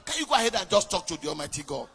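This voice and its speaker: Fervent high-voiced pastor praying. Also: male voice, big pitch swings, rapid-fire, husky. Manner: chanting, rising to shouts and sung lines, speaking in tongues. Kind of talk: fervent prayer sermon. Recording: church hall reverb with music behind.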